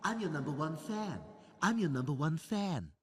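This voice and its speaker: Brief: man playing a cartoon psycho superfan, high, swooping sing-song menace, dry close sound. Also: lively intonation, moderate pace, background noise, natural voice. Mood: creepy calm. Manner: sing-song, mock-polite, fussy. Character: deranged obsessive male superfan, petty and menacing. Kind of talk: cartoon voice acting.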